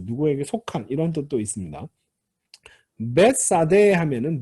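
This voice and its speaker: A man's voice: a little high, warm tone, husky. A man teaching a grammar lesson in a recorded lecture, patiently explaining each term and repeating key words as he moves from point to point.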